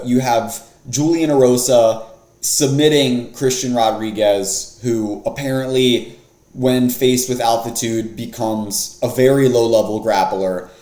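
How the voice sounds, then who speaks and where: A man hosts his own fight-picks vlog, drifting from point to point with plenty of filler words and a dry, sarcastic edge. He sits at a middle pitch for a man, and the room around him rings with noticeable echo. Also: a little mellow. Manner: sarcastic, rambling, lots of fillers. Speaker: MMA picks channel host. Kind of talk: casual vlog commentary. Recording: echoey room.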